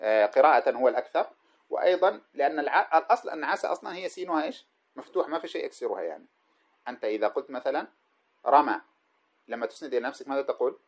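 A man's voice: mid-range voice, animated, rapid-fire, dull audio. A man teaching a classical Arabic grammar lesson. He reads a text aloud, comments on it and often asks his students rhetorical questions.

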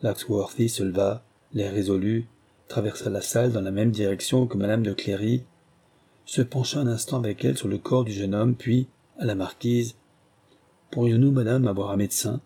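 Brief: male audiobook narrator, dark mellow tone, husky grain, steady and even. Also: on the low side, normal speed. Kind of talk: scripted narration.

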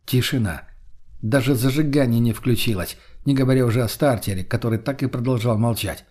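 A man narrating an audiobook in the first person, steady storytelling in a husky voice. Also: medium pitch, brisk.

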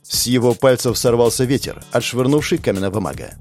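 A man's voice: medium pitch, brisk, a little mellow, faint music behind. A man giving dramatic, intense narration of a combat fantasy audiobook. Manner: intense, gritty storytelling.

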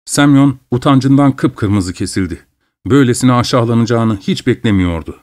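Steady male storybook narrator. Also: medium pitch, moderate pace. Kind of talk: audiobook story reading.

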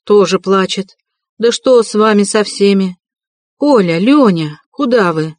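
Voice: steady tone, a little slow, no room sound, natural voice. A reader voicing a proud, frantic impoverished widow, raised and strained, in an audiobook reading. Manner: haughty then shrill and desperate.

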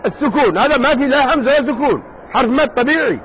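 Very high-voiced lively male teacher. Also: quick pace, a little hiss or hum, poor audio. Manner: lively, joking, rhetorical questions. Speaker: Islamic jurisprudence teacher. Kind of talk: informal classroom lesson. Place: mosque teaching circle.

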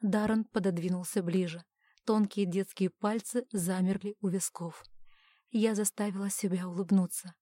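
A woman narrating a first-person audiobook in a soft voice that often sinks to a whisper. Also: medium pitch, fairly even intonation, moderate pace, no echo.

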